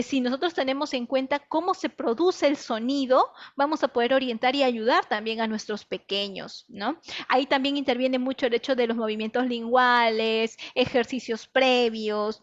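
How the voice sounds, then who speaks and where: High-voiced Peruvian speech therapist woman. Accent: Peruvian Spanish. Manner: explanatory, frequent tag questions, acts out child examples. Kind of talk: online training talk. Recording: dull lo-fi audio.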